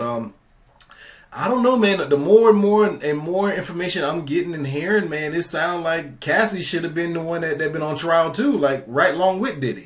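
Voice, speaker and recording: A man talks casually on his commentary channel in a loose, rambling way, full of fillers and restarts. He speaks at a middle pitch.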